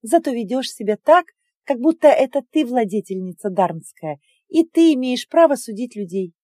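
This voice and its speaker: A woman voicing a bold young maid in an audiobook, talking back in quick, heated, raised retorts. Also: on the high side, lively intonation, dark tone, no echo, studio quality, voice pushed up. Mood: scornful. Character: bold defiant young maid, sharp-tongued. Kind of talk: audiobook character voice.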